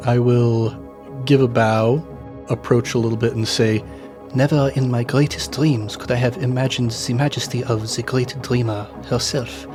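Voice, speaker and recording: A man's voice: medium pitch, steady tone, moderate pace. A man playing a tabletop game, speaking formally and reverently in character. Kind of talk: in-character tabletop role-play. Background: music.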